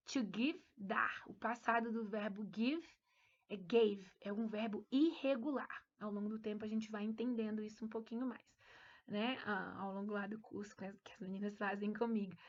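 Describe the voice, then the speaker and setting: A woman from Brazil teaching English to parents in a homeschool lesson, patient and explanatory, repeating words slowly and checking understanding. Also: fairly high pitch, lo-fi sound.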